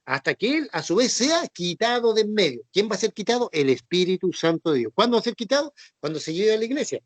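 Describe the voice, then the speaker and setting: High-voiced man preaching a Bible lesson. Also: big pitch swings, fast talker, no echo. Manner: repetitive, checks understanding with tag questions. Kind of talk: Bible teaching sermon.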